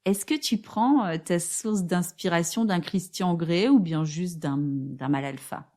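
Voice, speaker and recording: Speaking at an unhurried pace with a fairly low pitch, this podcast host works steadily through her prepared interview questions. She also reads out a summary of a book.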